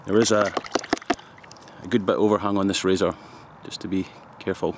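Scottish man, 50s, shaving vlogger, joking casual chat outdoors in the woods, slightly low voice. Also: level tone, a little fast, background noise. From Scotland. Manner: chatty, joking asides, laughs often. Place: forest outdoors. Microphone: camera close up at arm's length.

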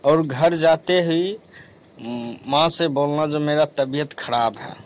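Man voicing a calm old hermit guru. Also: a little high, takes it slowly, creaky. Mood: instructive. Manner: calm, instructive.

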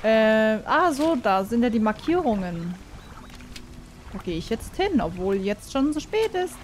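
Excitable woman chatting through a game. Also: fairly high pitch, a little slow, slight background noise. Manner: chatty, excitable self-talk with swearing and giggly sing-song bursts. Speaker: gaming video host. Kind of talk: casual let's-play commentary.

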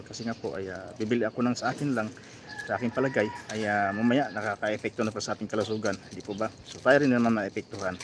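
A man's voice: mid-range voice, very noisy. Filipino man reading out live chat. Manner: reads viewer names and comments aloud with fillers. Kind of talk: casual live-stream chat.

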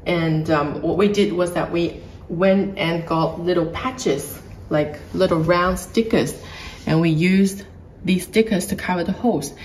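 A property flipper walks through a bright, empty renovated kitchen indoors, casually explaining and pointing things out like a home tour. Her voice is slightly low and darkish, captured by a phone camera held a few feet away, so it sounds a bit off-mic. The bare room gives a noticeable echo, with a little hiss or hum in the recording.

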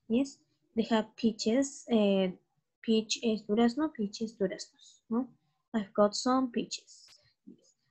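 Patient teacher, woman, slightly high voice, drills words one at a time. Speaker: English teacher. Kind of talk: bilingual grammar lesson.

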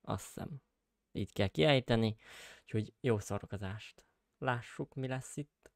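Smooth-voiced young man commenting on gameplay. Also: medium pitch, no room sound, clean studio sound. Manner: excitable, trash-talking, shouts at game characters. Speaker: gaming video host.

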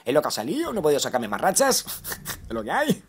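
A young man with a Spain Spanish accent and a slightly hoarse voice, giving excitable live commentary over his gameplay and swearing at teammates. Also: fairly high pitch, fast talker. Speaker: gamer streaming live gameplay. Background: faint gunfire from the game.

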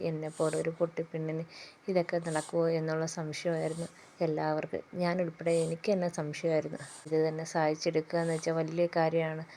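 A woman's voice: on the low side, mellow, slight background noise. A woman casually retelling a TV serial episode, quoting the characters' lines and often restarting words. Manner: retells dialogue in quotes, frequent restarts and stumbles. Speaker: serial recap narrator.

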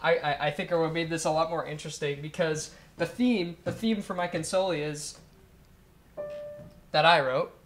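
Casting: young male composer-presenter, slightly high voice, casual and hesitant explainer talking to camera. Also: steady tone, normal speed, fairly bright tone, soft background music. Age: young adult. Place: bright living room with grand piano.

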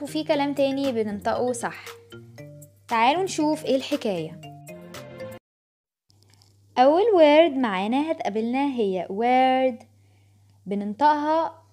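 High-voiced Egyptian woman teaching English. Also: darkish tone. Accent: Egyptian Arabic. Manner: repeats each word slowly and clearly. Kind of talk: pronunciation lesson for children.

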